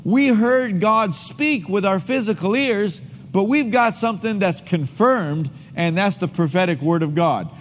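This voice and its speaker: A man's voice: sits high, animated, a little slow. A man preaching a sermon as pastor, leading the congregation in reading scripture aloud together and in call-and-response. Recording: long hall reverb.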